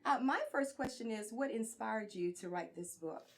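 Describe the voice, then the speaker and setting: A woman's voice: a little high, animated, normal speed, gravelly. A woman co-hosting a talk show, asking questions and affirming the guest in an encouraging way. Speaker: co-host interviewer.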